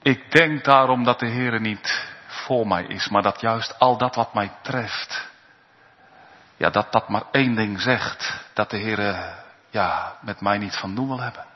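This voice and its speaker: A pastor preaching a sermon at a thanksgiving service, solemn and emphatic, rising sharply in pitch and volume to stress his points. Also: measured pace, big-room sound, lo-fi sound. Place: church.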